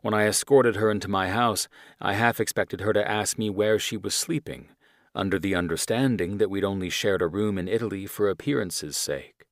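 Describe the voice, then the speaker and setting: A man with a very deep voice narrates a romance novel in the first person. His read is slow and unhurried, recorded close and dry. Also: no room sound. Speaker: audiobook narrator.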